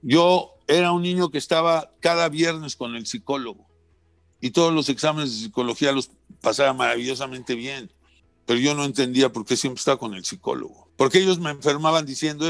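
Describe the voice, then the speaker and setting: Reflective male guest, gravelly voice, dry recording over soft music. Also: medium pitch, dry recording. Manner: earnest, introspective, repeats words. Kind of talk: reflective personal conversation.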